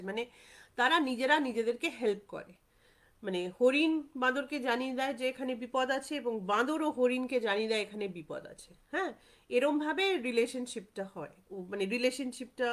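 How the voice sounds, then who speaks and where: A woman telling a jungle ghost story in a loose, unscripted way, slipping English phrases into her talk and pausing often to find her words. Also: a little high. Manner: unscripted, mixes in English phrases, many fillers and repetitions. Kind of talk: casual spoken storytelling.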